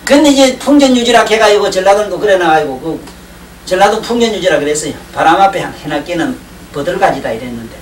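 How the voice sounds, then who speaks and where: A high-pitched man lectures a class on Chinese classics, wandering from point to point, joking, and checking that everyone follows. It sounds like a 1990s lecture tape: the room echoes, the mic is far from him, and faint hiss runs underneath.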